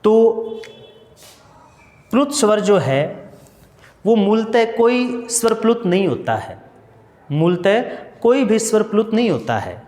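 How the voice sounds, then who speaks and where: Slow, high-voiced man teaching in an echoey room. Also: very animated, a little mellow. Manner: explains step by step, asks questions and answers them himself; repeats key points. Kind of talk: Hindi grammar lesson for exam students. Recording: echoey room with long reverb.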